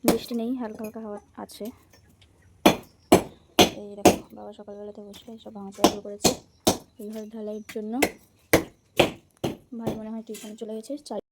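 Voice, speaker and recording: A woman with a hoarse, sore throat, chatting casually to her viewers as a daily vlogger. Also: on the high side, very noisy. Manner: chatty, addresses viewers directly. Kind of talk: casual vlog narration.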